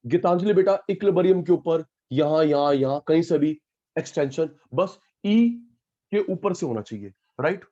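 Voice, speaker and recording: A man's voice: a little high, normal speed, warm tone, dull audio. A male teacher running an online class, calling out students by name and repeating key terms again and again.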